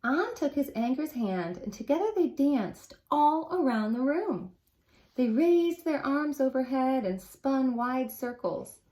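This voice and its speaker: A woman and preschool teacher reads a picture book aloud for storytime. Her voice sits fairly high and swoops expressively, and she keeps an unhurried pace while asking the children questions. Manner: expressive, asks listeners questions.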